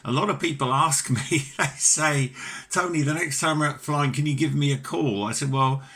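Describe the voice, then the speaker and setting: A fairly high-pitched British man with a notably bright, crisp-edged voice converses over amateur radio at a moderate pace. Broadcasting from his home ham station, he is friendly, polite and openly keen.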